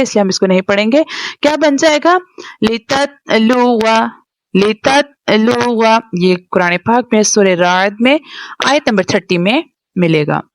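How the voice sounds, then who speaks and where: A woman teaching a tajweed lesson, spelling words out letter by letter in long drawn-out recitation, then explaining quickly. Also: a little high, no room sound.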